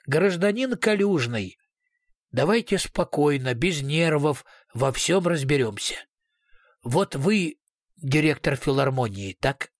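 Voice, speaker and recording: A man's voice: a little high, expressive, unhurried, vocal fry, no room sound, exaggerated voice. Man doing a brutal investigator, sly, sugary politeness, snarling threats, audiobook figure, dry sound. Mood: mock-polite. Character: brutal male police investigator, sly, mock-friendly.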